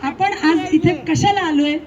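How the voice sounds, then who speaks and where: Woman ventriloquist, very high voice, teacherly scolding, noisy live crowd. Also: unhurried, lo-fi sound. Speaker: ventriloquist performer. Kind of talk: live stage comedy. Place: live event with audience.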